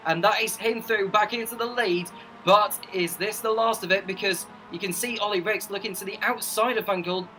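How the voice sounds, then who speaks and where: A man's voice: sits high, pushed and bright, poor audio. A man doing live race commentary as a motorsport commentator working alongside a partner.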